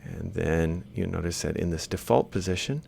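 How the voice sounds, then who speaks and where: A robotics lecturer works through an example in an informal lecture, drawing as he explains, thinking aloud step by step and correcting himself. His voice is gravelly and a little mellow at a moderate pace. Faint background noise and a low rumble are audible.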